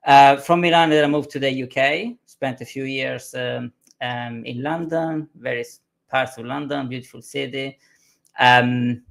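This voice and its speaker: Gravelly Italian-accented man, unhurried. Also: medium pitch, a bit bright. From southern Italy. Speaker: consultant and author. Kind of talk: guest interview on a live webinar.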